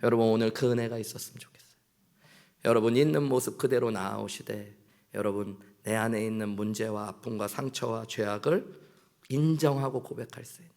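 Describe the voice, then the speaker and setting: A man's voice: on the high side, a bit bright. A male pastor preaching a sermon in church, earnest, acting out prayers and bits of dialogue. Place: church sanctuary.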